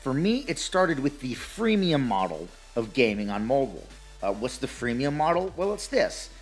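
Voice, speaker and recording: A man's voice: mid-range voice, sing-song, moderate pace, soft background music. A man with a scratchy throat ranting emphatically about his views as a gaming commentator, swearing heavily. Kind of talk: opinionated rant.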